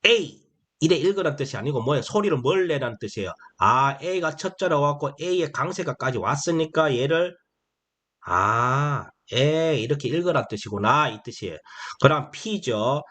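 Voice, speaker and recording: Man, phonics teacher, mid-pitched voice, slow drawn-out key phrases, asks and answers own questions. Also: animated, a bit bright. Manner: drawls key phrases slowly; calls vowels moms and consonants sons. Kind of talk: slow explanatory lesson for beginners.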